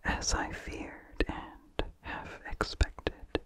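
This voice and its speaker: This narrator works through classic horror fiction in a soft, breathy ASMR whisper with no voicing, keeping the phrasing slow and deliberate. The sound leans slightly bright.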